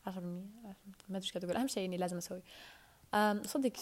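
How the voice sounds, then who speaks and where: A woman with a Saudi Arabic accent chatting on a casual solo podcast, rambling and rushed, often dropping into whispers, recorded on a wired earphone mic. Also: medium pitch, fairly even intonation.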